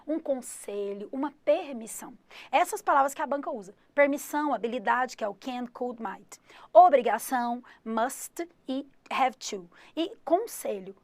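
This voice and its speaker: Brazilian english teacher lady, high voice, lively, dry close mic, flips between english examples and explaining. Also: no echo. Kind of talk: exam-prep English lesson.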